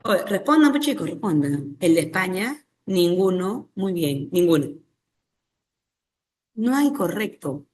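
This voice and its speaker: A woman's voice: on the low side, big pitch swings, a little slow, darkish tone. A woman with a Peruvian Spanish accent teaching an exam-prep language class. She puts questions to the class, answers them herself and often adds a tag question. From Peru.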